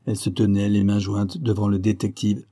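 A man narrating a detective story in a steady, measured storytelling manner. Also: lowish voice. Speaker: audiobook narrator.

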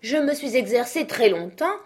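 A woman voicing an earnest, solemn male knight who is proud of his clumsy inventions, read in a breathy voice for a storybook. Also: medium pitch, very animated, normal speed, pitched above the performer's own voice. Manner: grave, proud, rambling explanations. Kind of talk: audiobook character reading.

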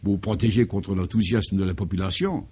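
A man's voice: low-pitched, fairly even intonation, normal speed, darkish tone, breathy edge. A man voicing a flustered male reporter who stammers and sputters in protest. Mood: puzzled.

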